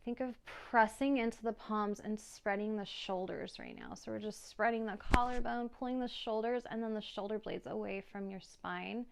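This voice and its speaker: A woman yoga instructor calmly guiding a class through breathing and poses, with soft laughs between cues. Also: medium pitch, vocal fry.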